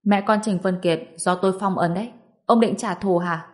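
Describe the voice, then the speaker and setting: Woman reading as a calm, cocky young cultivator. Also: high voice, normal speed, lightly acted. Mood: cold. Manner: cool, mocking.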